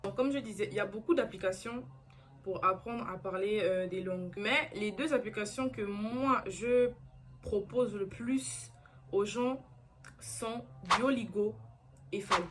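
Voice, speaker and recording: A woman's voice: medium pitch, a little slow. Chatty young woman vlogger. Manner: chatty, earnest, repeats herself with many fillers. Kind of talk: casual chat to camera.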